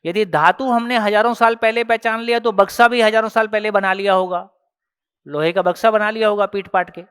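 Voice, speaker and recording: A man leads a workshop session in a casual, conversational teaching style. His voice is smooth and resonant, and he keeps pressing the audience with rhetorical questions as he walks through everyday examples. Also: high voice, steady tone, fairly quick, fairly bright tone, big-room sound. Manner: explains step by step with everyday examples.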